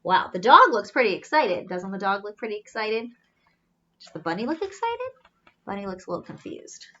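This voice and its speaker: Here a woman with a mid-range voice reads to young children, pausing for simple questions and asides. She's expressive, gasping and drawing out words for emphasis, over lo-fi audio.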